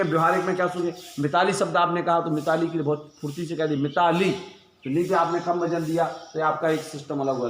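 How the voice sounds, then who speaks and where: A man with a fairly high voice teaches a grammar lesson and repeats each letter and example for his students. The room around him rings with echo, and there is a faint hum of ambience behind him. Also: fairly bright tone.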